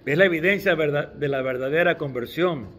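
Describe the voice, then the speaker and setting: A man's voice: fairly high pitch, a little fast, a bit bright. A middle-aged man preaching a sermon, stressing key words with restarts along the way.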